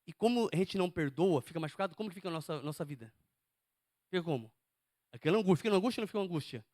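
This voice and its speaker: A man's voice: sits high, lively intonation, racing, a little mellow, no room sound, clean studio sound. A man preaching a sermon to a congregation, emphatic and often asking them questions.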